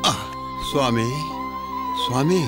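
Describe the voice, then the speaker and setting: A man in a dubbed film playing a kindly elder who gently comforts and coaxes a frightened girl. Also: medium pitch, takes it slowly, loud music behind the voice, close to an everyday voice.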